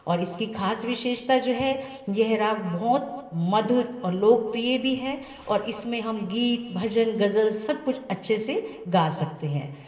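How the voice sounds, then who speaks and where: A woman's voice: on the high side, takes it slowly, few pauses, a little mellow. A woman teaching music theory to students, patiently asking questions and answering them herself. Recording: echoey room, voice from a distance.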